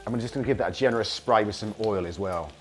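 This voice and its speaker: A man hosting a casual cooking demonstration, hoarse from a cold, chatting enthusiastically to viewers as he cooks. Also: fairly low pitch, rapid-fire, soft background music. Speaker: cooking show host.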